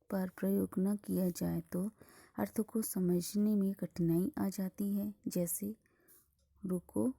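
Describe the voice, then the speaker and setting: A woman teacher explains a grammar lesson step by step, her delivery slow and deliberate. Her voice is dark and mellow with a gravelly edge, and it often thins into a husky, breathy half-whisper. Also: mid-range voice. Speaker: school teacher.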